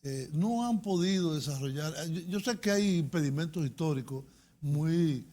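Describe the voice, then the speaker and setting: A man discusses and questions as an interviewer, haltingly thinking aloud. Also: a little high, animated, mellow. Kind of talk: conversational discussion.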